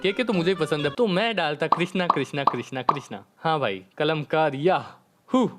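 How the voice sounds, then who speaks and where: A man's voice: a little high, animated, normal speed, over loud music. A young man, casually narrating a comedic vlog and reading chat messages aloud in a mock-innocent voice. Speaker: YouTuber.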